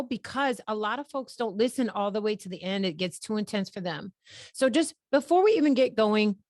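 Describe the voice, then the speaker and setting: A woman's voice: mid-range voice, dry recording, studio quality. A woman hosting a podcast interview, heartfelt and rambling, often laughing and tearing up. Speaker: podcast host.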